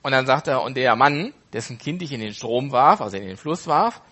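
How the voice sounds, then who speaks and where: A man's voice: medium pitch, lively intonation, brisk, bright, forceful tone. A man casually retelling a parable off the cuff, correcting himself as he goes. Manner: unscripted, with fillers and self-corrections.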